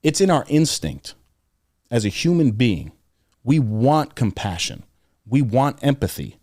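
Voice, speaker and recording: A young adult man, a podcast guest, telling a personal story in an earnest, reflective way and often dropping to a soft, quiet voice. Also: mid-range voice, very animated, a little slow, no room sound, studio quality. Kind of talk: casual conversational storytelling.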